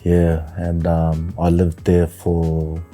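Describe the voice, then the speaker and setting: Husky, low-voiced New man. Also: completely flat delivery, warm tone, soft background music. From New Zealand, raised partly in Tonga. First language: Tongan. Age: 40s. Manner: hesitant, reflective, many pauses and fillers. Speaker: podcast guest. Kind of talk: casual interview chat.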